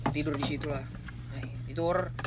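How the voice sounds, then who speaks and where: A man's voice: fairly high pitch, fairly even intonation, a little fast, noisy background. A man telling a camping ghost story in casual chat, rambling and slangy. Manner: rambling, slangy, repeats himself while describing. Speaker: storyteller on a horror podcast.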